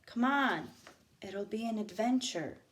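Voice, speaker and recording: A woman's voice: medium pitch, lively intonation, measured pace, close to an everyday voice. A woman voicing an earnest, anxious teenage boy in a read-aloud, pleading with his friend.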